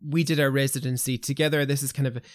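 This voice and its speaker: A man hosting a veterinary podcast, chatty and animated as he tells stories. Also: mid-range voice, fast talker, dry recording, clean studio sound. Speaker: podcast host, vet. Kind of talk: casual podcast chat.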